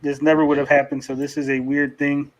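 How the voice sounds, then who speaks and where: A man's voice: on the high side, completely flat delivery, fairly quick, highs cut off. A man hosting a livestream panel, asking probing questions in a casual conversational way. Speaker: host.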